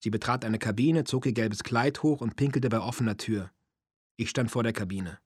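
A man narrating a memoir as an audiobook in a calm, even storytelling manner. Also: mid-range voice, normal speed, slightly rough, dry recording, studio quality.

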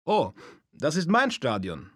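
A man's voice: a little high, huge pitch swings, slow pace, a bit bright, no room sound, clean studio sound, pitched above the performer's own voice, exaggerated voice. A man voicing a swaggering male mafia boss who boasts in broken grammar in a storybook reading. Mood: boastful.

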